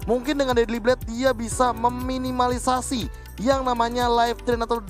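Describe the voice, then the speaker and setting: A man gives conversational esports analysis from the commentary desk. His voice sits high for a man, and music is clearly audible behind him. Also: level tone, normal speed.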